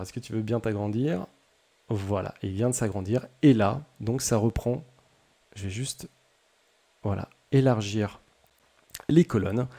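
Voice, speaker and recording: A man's voice: on the low side, mellow. A young man hosting a casual coding tutorial, chatty and self-deprecating, with many hesitations.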